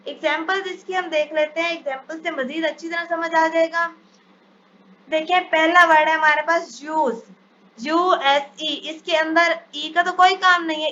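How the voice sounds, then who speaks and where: A woman teaching English spelling rules in a step-by-step lesson, reading each English rule out slowly before explaining it. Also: very high-pitched, pushed and bright. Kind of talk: spelling lesson over slides. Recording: dull lo-fi sound, faint hiss.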